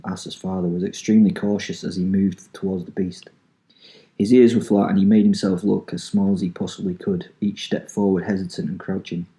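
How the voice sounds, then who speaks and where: A low-pitched, dark-toned man from England with a Manchester accent hosts a podcast. He rambles casually, swearing and saying um a lot, before reading out a story he wrote himself.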